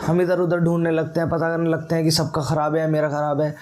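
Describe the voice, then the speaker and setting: A man's voice: a little high, monotone, fast, a little mellow. Chatty man explaining tech. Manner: chatty, conversational, many fillers and self-corrections. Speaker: tech YouTuber host. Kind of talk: casual explainer talk to camera.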